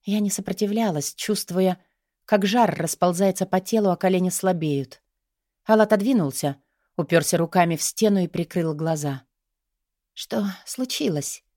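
A woman's voice: fairly low pitch, moderate pace, dark tone, no room sound, studio quality. Woman narrating a romance audiobook. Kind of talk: first-person romance narration.

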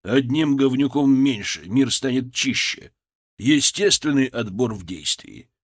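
A man's voice: medium pitch, measured pace. Man as a curt, cynical male doctor. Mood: cold. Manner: curt, flat, dismissive.

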